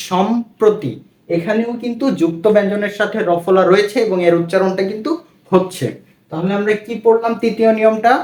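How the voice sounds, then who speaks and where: High-voiced man teaching letters slowly. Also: darkish tone. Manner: slow, repetitive drilling with rhetorical questions. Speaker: Bengali language teacher. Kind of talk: classroom lesson, spelling out words. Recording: roomy echo.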